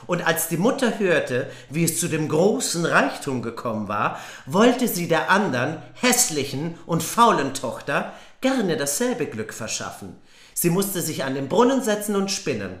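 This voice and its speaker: Woman reading a fairytale, low but very lively voice, jokey, echoey room. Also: a little slow. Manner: joking interruptions. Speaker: podcast co-host. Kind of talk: playful fairytale reading with banter. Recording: roomy echo.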